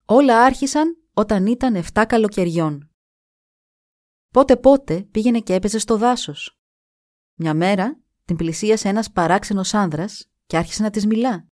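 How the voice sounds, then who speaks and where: A woman narrating a scripted story in a measured, expressive reading voice. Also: medium pitch, dry recording, clean studio sound.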